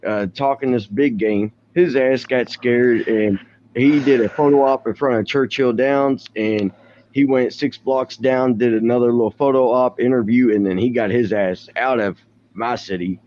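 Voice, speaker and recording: A man's voice: mid-range voice, steady tone, moderate pace, darkish tone, lo-fi sound. A man from Louisville, Kentucky on a stream call, ranting in a mocking, heated way. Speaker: live stream caller. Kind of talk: casual ranting chat.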